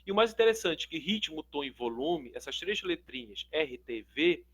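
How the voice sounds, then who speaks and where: A man with a Brazilian Portuguese accent gives an instructional video lecture as a public speaking coach. He talks in an animated way, swinging his pitch and loudness to demonstrate, and keeps checking in with the viewer. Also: moderate pace, breathy edge. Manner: asks the viewer "tudo bem?" often.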